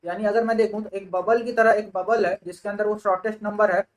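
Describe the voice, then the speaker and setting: A young computer science tutor with an Indian English accent lectures on sorting algorithms in a Hindi-English mix, explaining each step and thinking aloud. His voice is high with little pitch movement and a slightly fast pace, on a rough recording.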